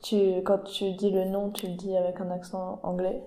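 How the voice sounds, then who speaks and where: Woman podcast host, curious interviewer, warm low-key tone, recorded in an echoey room. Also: completely flat delivery, normal speed. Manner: curious, precise questions.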